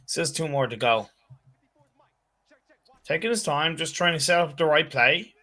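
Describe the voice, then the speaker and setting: A man's voice: a little high, normal speed, pushed and bright. A man giving chatty color commentary on an esports football match, mixing analysis with jokes.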